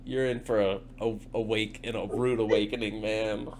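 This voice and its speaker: A man's voice: lowish voice, little pitch movement, moderate pace, a little hiss or hum. A young man co-hosting a podcast, telling work stories in casual, profane chat and laughing often. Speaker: podcast co-host.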